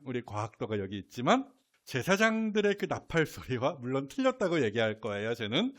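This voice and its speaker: A middle-aged male pastor giving a lively sermon, playfully acting out shouts. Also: high voice.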